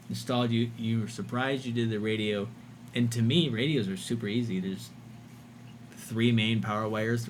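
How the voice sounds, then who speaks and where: A man with a mid-range voice rants to his livestream chat, casual and exasperated, swearing often and mocking the voices he quotes. There's slight background noise.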